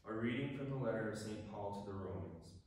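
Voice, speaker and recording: A man reading scripture as a lector at Mass in a measured, even cadence, his voice ringing with heavy church echo from a distant mic. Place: large church. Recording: echoey church hall, distant mic, faint rumble.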